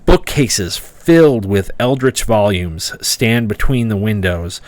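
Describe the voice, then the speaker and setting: A man narrating a tabletop fantasy game as game master, conversational and descriptive, a bit halting as he improvises. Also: fairly low pitch, animated, dry recording.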